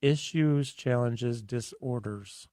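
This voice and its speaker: A man hosts a health radio show in a studio, speaking casually, enthusiastically and in a rambling way. His voice is hoarse and raspy yet mellow, medium in pitch and slow. There is no room sound.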